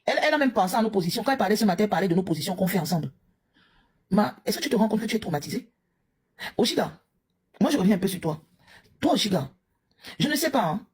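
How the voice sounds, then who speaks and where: A woman's voice: mid-range voice, lively intonation, quick pace, pauses often, a little mellow, breathy edge. A woman from Cameroon, a mother and live streamer, scolding a rival in a heated, confrontational rant. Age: young adult to middle-aged, a mother.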